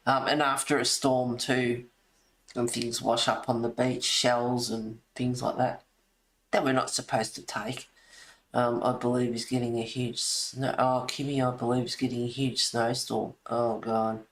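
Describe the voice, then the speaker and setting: Raspy, low-key chatty middle-aged woman. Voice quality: raspy smoker's voice with a cough. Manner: rambling, giggly, reading aloud and replying to viewers. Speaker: host of a colouring video. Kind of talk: casual chat to live viewers.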